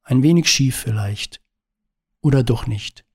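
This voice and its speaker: A man reading a novel aloud in calm, measured narration. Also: medium pitch, breathy edge. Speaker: audiobook reader. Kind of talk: scripted narration.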